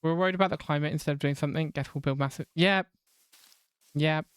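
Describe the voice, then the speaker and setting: A man's voice: on the high side, steady tone, quick pace, smooth, no room sound. A man streaming a video game who chats with his viewers in a casual, wry and self-mocking way and laughs often. He has a non-rhotic English accent. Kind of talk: casual live-stream chat while gaming.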